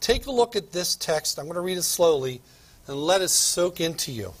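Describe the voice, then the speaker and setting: Man, pastor, high-pitched sermon voice, emphatic and repetitive. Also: lively intonation, slightly rough. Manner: emphatic preaching with dramatic pauses and repetition.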